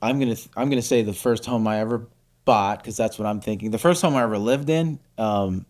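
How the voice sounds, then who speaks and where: A man's voice: lowish voice, brisk, darkish tone. A man co-hosting a housing podcast, confidently explaining lending steps in casual chat. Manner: confident, explains with practical detail. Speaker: mortgage lender co-host.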